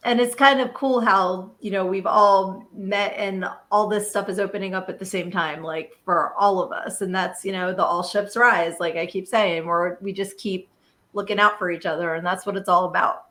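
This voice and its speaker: A woman co-hosting a podcast, telling set stories in a lively, laughing casual chat. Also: mid-range voice, moderate pace. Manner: animated, laughing storyteller.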